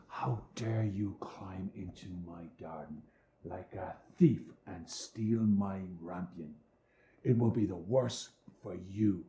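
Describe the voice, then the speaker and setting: A man voicing a powerful, menacing old witch, hissing threats in a low whisper and shrilly calling up to a tower. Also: expressive, normal speed, warm tone, roomy sound, close to an everyday voice. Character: menacing old female witch of great might.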